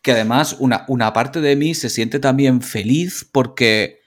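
A man with a Spain Spanish accent co-hosting a podcast in casual chat, telling rambling, animated stories with plenty of swearing over a video call. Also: medium pitch, measured pace. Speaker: podcast co-host.

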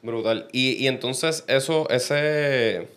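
Relaxed, chatty male host. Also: medium pitch. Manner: relaxed, chatty, quick affirmations. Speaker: podcast host. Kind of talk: casual interview chat.

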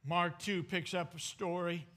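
A male pastor preaching a sermon with dramatic swings between loud bursts and hushed asides. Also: high-pitched, level tone, measured pace.

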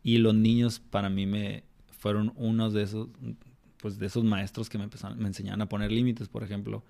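A man with a Mexican accent talks casually and reflectively, dropping plenty of slang. His voice is gravelly and rough at the edges, and he speaks as a mentor of children. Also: fairly low pitch, level tone, brisk, mellow. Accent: Mexican Spanish. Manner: colloquial, full of slang, reflective. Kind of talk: casual interview conversation.

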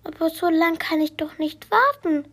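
An impatient eight-year-old girl begs and pleads in a raised, bright little voice, as a woman reading a storybook puts her on. She speaks slowly, with a loud, eager push. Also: high-pitched, lively intonation, heavily acted. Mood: disappointed. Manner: pleading, eager, whiny when disappointed.

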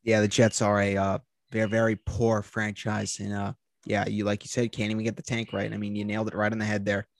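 A man's voice: on the low side, completely flat delivery, a little fast, vocal fry, dry recording. A man hosting a sports talk show, running through news items and steering the talk. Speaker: host.

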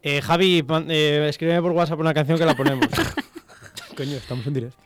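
A man with a Spanish accent hosting a casual radio chat, joking and teasing with quick asides. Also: a little high, steady tone. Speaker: radio host. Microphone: studio microphone.

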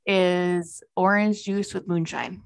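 A woman's voice: lowish voice, steady tone, takes it slowly, vocal fry, clear, resonant tone. A woman co-hosting a podcast, chatting playfully and laughing often from her home office. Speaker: podcast co-host. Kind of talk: casual chat.

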